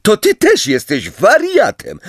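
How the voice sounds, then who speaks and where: A scornful teenage boy, all heat and sneer, pitched well above the man voicing him in a storybook reading. His lines leap about and bite, and the sound is close and dry. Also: wildly swooping pitch, slow pace, slightly rough, dry recording, exaggerated voice. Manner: heated, snapping. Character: angry teenage schoolboy, defensive and scornful.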